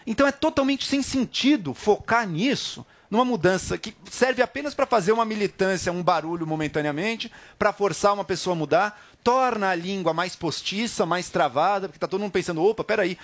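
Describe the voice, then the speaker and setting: A panelist makes his case in a lecturing, insistent tone. His voice sits a little higher than most men's, and he presses each point home. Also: brisk, hardly any pauses, fairly bright tone. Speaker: debate panelist. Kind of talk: heated panel debate.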